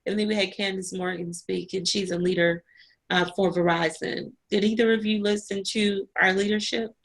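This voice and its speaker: A woman's voice: mid-range voice, steady tone, moderate pace, creaky, low-quality recording. A woman hosting an online panel interview over a video call, effusive and emotional as she encourages her young guests. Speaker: host.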